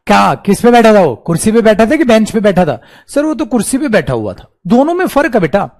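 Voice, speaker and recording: A male grammar teacher with an Indian English accent lectures in a high, lively voice that jumps up and down as he acts out little exchanges. He calls his students "beta" and mixes Hindi and English as he teaches. His voice sits above the usual range for a man. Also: fairly quick. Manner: animated, acts out student replies and little dialogues. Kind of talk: online coaching class lecture.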